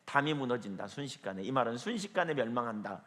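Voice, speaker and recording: A man's voice: medium pitch, sing-song, quick pace, fairly bright tone, long reverb tail. A man preaching a sermon as pastor at a small evening prayer meeting, emphatic and firing rhetorical questions at the listeners.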